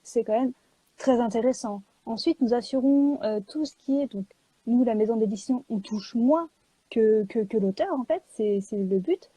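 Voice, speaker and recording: A woman's voice: a little high, normal speed, no echo, poor audio. Bubbly woman on a dry webcam. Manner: lively and joking, with many fillers. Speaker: publisher and illustrator. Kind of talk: live video chat.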